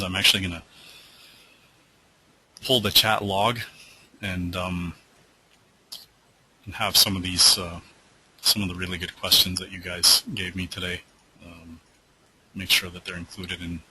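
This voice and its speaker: Low-voiced man with a bright, forceful tone. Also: a little hiss or hum, low-quality recording. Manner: loose, rambling, many fillers and restarts. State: losing his voice. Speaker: trading webinar host. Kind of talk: casual live webinar Q&A.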